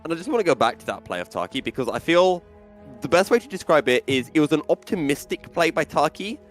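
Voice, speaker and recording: A man casting esports play-by-play live, with animated, dramatic calls. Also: a little high, fast, faint music behind.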